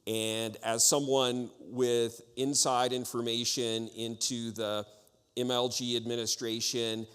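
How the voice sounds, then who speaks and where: Smooth, even-toned American man in an echoey hall. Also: medium pitch, slow pace. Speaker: political candidate. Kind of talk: formal campaign forum speech. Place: public forum in a hall. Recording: echoey hall with long reverb.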